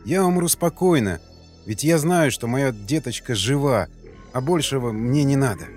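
A man's voice: medium pitch, animated, normal speed, darkish tone, close to an everyday voice. A man voicing an older father on his knees, pleading in a trembling voice over faint music.

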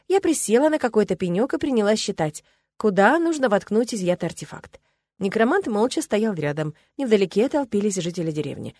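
Woman, first-person audiobook narration, even measured storytelling, dry close sound, mid pitch. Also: no echo.

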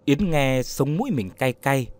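A man narrating an audio story in a steady, expressive storytelling manner. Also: mid-range voice, measured pace, no room sound.

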